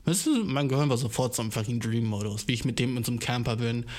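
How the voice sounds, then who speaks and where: A man's voice: medium pitch, fast. A young man, hosting a podcast and telling a story in casual, slangy speech, swearing freely and mixing in English words. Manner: animated, jumps into exaggerated voices. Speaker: podcast host.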